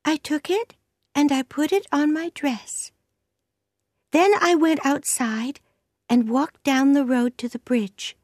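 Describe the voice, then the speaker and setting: Woman voicing an eager high-pitched storybook orphan girl, Anne. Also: takes it slowly, a little mellow, dry recording, clean studio sound. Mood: confessing. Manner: earnest, pleading. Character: eager, pleading, imaginative young orphan girl. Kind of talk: storybook character voice.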